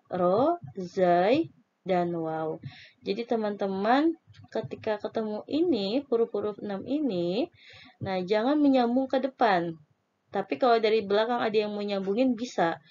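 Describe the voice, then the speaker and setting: A woman with an Indonesian accent teaches a spelling lesson, dictating slowly and stretching example words out syllable by syllable. Her medium-pitched voice is animated and darkish, and the recording's highs are cut off.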